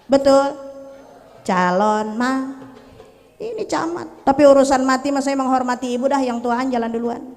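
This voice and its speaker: In a hall with long reverb, a woman preacher tells a story during her sermon, playfully joking and bantering with the audience. Her voice is high with a darkish tone, and she speaks at a normal speed.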